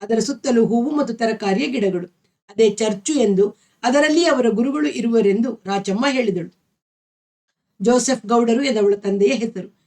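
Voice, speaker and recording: Woman storyteller, fairly high voice, steady expressive novel reading. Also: a little slow.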